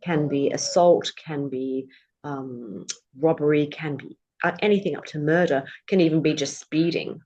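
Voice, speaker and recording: A woman's voice: sits low, moderate pace, a little mellow, dull audio. A woman, a former prosecutor, explaining legal vocabulary in an articulate way and giving examples. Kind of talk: conversational explanation.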